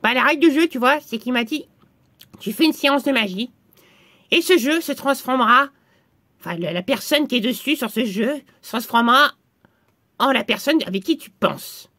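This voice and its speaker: A man voicing a squeaky, foul-mouthed little guy who bickers and swears in a comedy sketch. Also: expressive, moderate pace, bright, forceful tone, no room sound, studio quality, full character voice. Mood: bantering. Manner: crude swearing, bickering back and forth.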